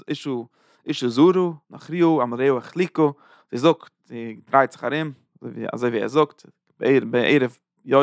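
Gravelly man chanting a Torah sermon. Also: medium pitch, dry recording, clean studio sound. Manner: sing-song chanting of verses, repetitive emphatic phrasing. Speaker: preacher giving a Torah talk.

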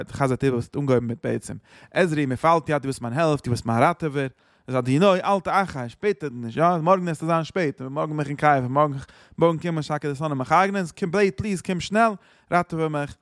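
A man's voice: a little high, fairly quick, no echo, clean studio sound. A man explaining a psalm chapter, quoting verses and translating them with many restarts. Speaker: Torah teacher.

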